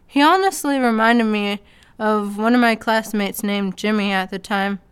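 A woman's voice: mid-range voice, normal speed, smooth. A woman narrating a comedic story in a casual, sarcastic way. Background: faint background music.

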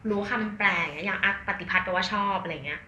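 Casual podcast co-host: rambling, chatty woman with a bright voice, echoey room with faint hiss. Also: on the low side, racing, lo-fi sound. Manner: chatty, rambling, keeps checking the listener follows.

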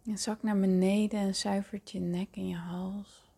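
Zachte, trage vrouwenstem voor geleide meditatie. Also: female voice, mid-range voice, flat delivery, unhurried, vocal fry, dark tone, breathy edge. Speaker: podcast host guiding a meditation. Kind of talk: guided meditation.

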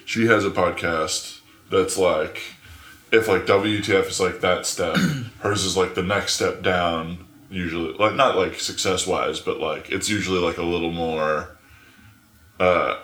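A man's voice: sits low, steady tone, a little slow, fairly bright tone. A young man from Arizona, chatting casually as a podcast guest, rambling with lots of fillers. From Arizona, USA. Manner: filler-heavy, rambling, laughs often. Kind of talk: casual chat. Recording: echoey room.

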